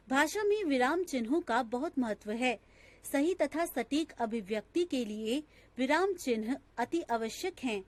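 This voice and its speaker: A woman narrating a scripted grammar lesson in a slow, measured, textbook-style reading. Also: high voice.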